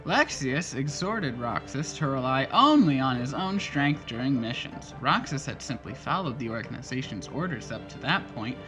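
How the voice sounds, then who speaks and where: Over game music, a man with a mid-range voice livestreams a game, reading the on-screen text aloud and tacking on sarcastic, exasperated remarks. The recording quality is low.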